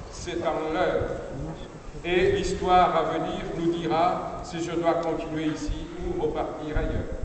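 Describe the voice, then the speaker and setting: A middle-aged sculptor speaks slowly and haltingly, stopping often to search for words. His fairly high voice rings through a stone cloister, picked up from far off. A low hum of ambient noise sits underneath. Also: heavy reverb, in a large hall. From Brazil. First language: Portuguese. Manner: slow, hesitant, searching for words. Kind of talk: opening speech at an exhibition. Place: abbey cloister.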